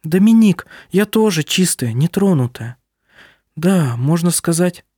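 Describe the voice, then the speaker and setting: A man's voice: fairly high pitch, animated, a little slow, warm tone, dry recording, pitched above the performer's own voice. An emotional, spirited young woman who pleads and teases in a raised voice, as a man reads her part in an audiobook. The recording is dry and close, with no room around it. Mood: earnest.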